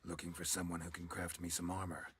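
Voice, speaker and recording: A middle-aged monster hunter who speaks in short, clipped, dry lines. His voice sits very low and deep. This is video game dialogue. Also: level tone, fast talker, a bit bright, slight background noise.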